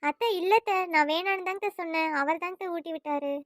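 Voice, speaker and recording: A meek cartoon daughter-in-law, voiced by a woman, soft and deferential, very high and bright in tone. She answers with gentle pleading. The sound is dry and close. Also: fairly quick, no room sound. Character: meek young wife, polite and pleading. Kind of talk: cartoon voice acting.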